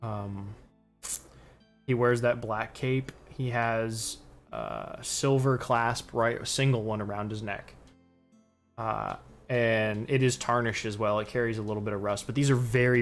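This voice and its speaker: A man's voice: lowish voice, steady tone, moderate pace, faint music behind. A man narrating a tabletop game as game master, describing scenes with frequent fillers.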